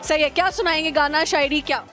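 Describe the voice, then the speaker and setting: A young woman talks fast in a high, steady voice while hosting an outdoor street interview with crowd and music around her. She's playful and mocking, teasing her guest and laughing often.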